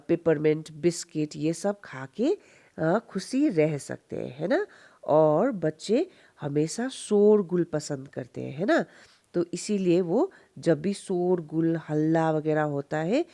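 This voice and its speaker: A woman with a Nepali accent teaches a children's class at a very unhurried pace. Her pitch swings widely as she sounds out words slowly, one syllable at a time. Her tone is soft and mellow, and she often stops to check that the class is following. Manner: slow, syllable-by-syllable pronunciation drills with frequent checking questions. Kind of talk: recorded Hindi class lesson for children.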